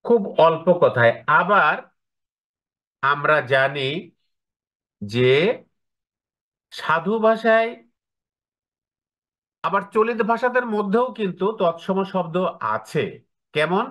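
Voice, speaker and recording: A man's voice: sits high, expressive, takes it slowly, pauses often, a bit bright. A man teaching an online class, often checking with rhetorical questions. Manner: explains with rhetorical questions to students.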